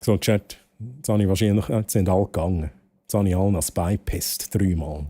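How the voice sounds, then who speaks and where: A man's voice: deep voice, a little fast, mellow. A man with a Swiss German accent chatting casually with his livestream viewers, rambling and repeating phrases, with some English words slipped in. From Switzerland. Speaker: game livestreamer. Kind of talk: casual chat with stream viewers.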